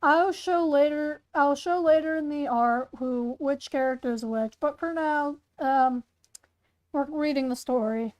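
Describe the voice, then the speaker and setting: A woman's voice: high voice, measured pace, darkish tone. A young woman casually reading her own story aloud, rambling and correcting herself as she goes. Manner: rambling, self-correcting, chatty. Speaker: storyteller and content creator.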